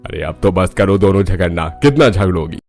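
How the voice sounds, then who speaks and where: A man voicing an exasperated older father-in-law who tries to calm a family quarrel in an animated story. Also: deep voice, fairly quick.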